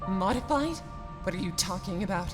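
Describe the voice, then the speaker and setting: A woman's voice: mid-range voice, expressive, moderate pace, natural voice. A woman acting a desperate, anguished prisoner and grieving parent in a horror drama, pleading and raging. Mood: bewildered. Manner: anguished, pleading, swearing outbursts. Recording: long hall reverb, music behind.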